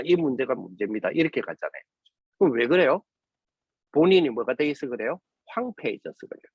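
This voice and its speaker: A man's voice: a little high, breathy edge, dry recording. A man preaching a sermon, firing rhetorical questions and tagging "right?" onto nearly every phrase. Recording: dull lo-fi recording, dry.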